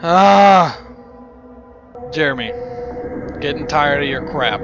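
A man's voice: a little high, animated, a little slow, dull audio, loud music behind the voice. A young man from Texas nervously commenting on a horror game, talking to himself and yelping when startled. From Texas, USA. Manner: jittery, talks to himself, yelps and sing-songs when scared. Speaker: gaming YouTuber.

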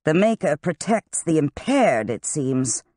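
An audiobook narrator voicing a stern, sardonic male wizard master who walks with canes, raising the pitch for his lines. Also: big pitch swings, measured pace, a little mellow, no echo, clean studio sound. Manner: cutting, scolding.

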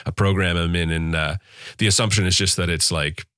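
A man from western Canada hosting a podcast, chatty and quick to laugh in a casual interview. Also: low-pitched, steady tone, fairly bright tone, dry recording, studio quality. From Canada, Pacific Northwest. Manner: chatty, laughs easily, many fillers. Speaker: podcast host.

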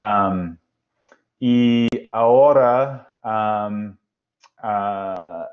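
A man's voice: fairly low pitch, very slow. A man in his fifties, a native English speaker, giving an informal lecture in hesitant Spanish with an American accent, searching for words. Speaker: guest lecturer. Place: small room at home, indoors. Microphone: wired earphone headset on a video call. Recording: dull, lo-fi video-call audio.

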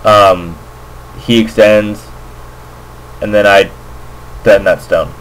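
A fairly low, steady voice moves at a slow pace as this amateur Go player thinks aloud through unscripted, hesitant game commentary. He sits indoors at a computer, voicing over a screen recording. His makeshift computer mic yields a low-quality recording.

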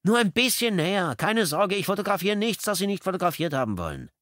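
A man's voice: high voice, sing-song, quick pace, fairly bright tone, dry recording, clean studio sound, pitched above the performer's own voice. A man voicing an eager, pushy young press photographer in an audiobook. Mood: excited. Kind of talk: audiobook character voice.

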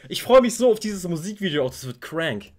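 A young man hosting a music reaction video, gushing with excitement and tossing English slang into his chat. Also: sits high, brisk, slight background noise. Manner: hyped, gushing, mixes English slang into German.

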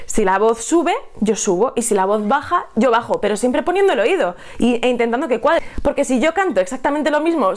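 A woman from leads a singing lesson to camera. Her voice sits a little high, and she explains things in a chatty way, checking in with the viewer as she goes. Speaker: singing teacher. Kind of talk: tutorial to camera.

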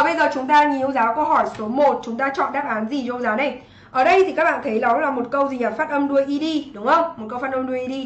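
A young Vietnamese woman teaches an English exam review on a livestream. Her voice is high and bright, and she keeps checking in with her students. The room around her is echoey. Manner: energetic, keeps asking students "right?".

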